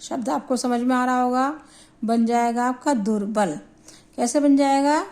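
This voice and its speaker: A woman teaching a Hindi grammar lesson, explaining slowly and deliberately and spelling out syllables for her students. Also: on the high side, steady tone, darkish tone.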